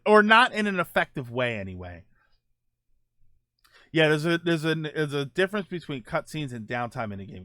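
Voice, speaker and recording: Answering viewer comments on his gaming stream, a man talks in a relaxed, halting way, often going back to reword what he said. His voice is a little high and fairly bright, recorded dry at studio quality.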